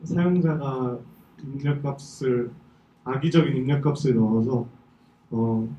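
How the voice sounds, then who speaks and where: A man's voice: mid-range voice, warm tone. Muffled young man with slightly impaired articulation. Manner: slightly impaired articulation after wisdom tooth extraction; halting, searching for words. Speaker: conference presenter. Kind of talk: informal technical presentation. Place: indoor talk venue. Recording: muffled, echoey room, distant microphone.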